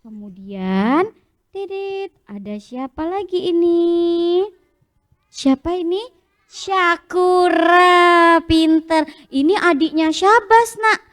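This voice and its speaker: Animated high-voiced woman telling kids a story. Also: slow pace, dry recording, clean studio sound. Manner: animated, questioning the children often. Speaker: children's storyteller. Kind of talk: interactive storytelling for young children.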